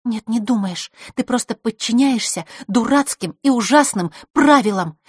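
A woman's voice: on the high side, expressive, moderate pace, breathy edge, no echo, studio quality, voice pushed up. Woman doing an indignant young girl. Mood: earnest. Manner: earnest, stubborn objections.

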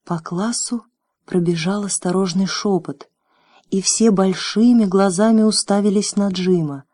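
A woman narrating a children's book in a measured, expressive storytelling manner. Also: mid-range voice, dry recording. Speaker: audiobook narrator.

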